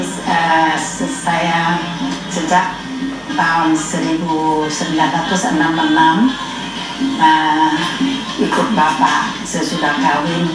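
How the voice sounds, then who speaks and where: Older Vietnam-born woman, Vietnamese native speaker, slow hesitant interview answers, echoey and distant over music. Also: sits low. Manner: hesitant, halting.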